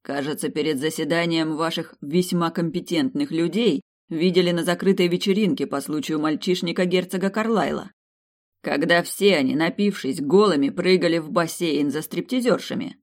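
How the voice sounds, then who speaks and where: A man voicing a young male emperor who scolds his ministers with slow, sarcastic rebukes in an audiobook. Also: on the high side, natural voice. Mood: cold anger. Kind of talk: audiobook character voice.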